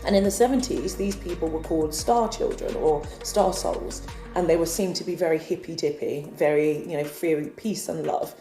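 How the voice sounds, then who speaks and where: A woman's voice: low voice, normal speed, warm tone, reverberant, faint music behind. A woman from England earnestly telling a personal spiritual story in a casual vlog. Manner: earnest, confessional. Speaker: spiritual vlogger.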